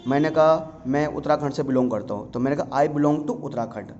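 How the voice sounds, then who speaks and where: A man's voice: on the high side, a little fast, darkish tone, a little hiss or hum. A man from Uttarakhand tutoring maths in a casual, coaxing way, asking questions and answering them himself. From Uttarakhand, India. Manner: chatty, coaxing, answers his own questions in students' voice. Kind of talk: casual classroom explanation. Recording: dull lo-fi sound.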